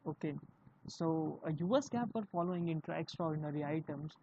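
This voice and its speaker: Indian-accented accounting tutor, mellow tone, halting delivery, dull lo-fi recording. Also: medium pitch. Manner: halting, with frequent "you know" fillers. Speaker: accounting teacher. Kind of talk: explanatory video lesson. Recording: dull lo-fi recording with faint hiss.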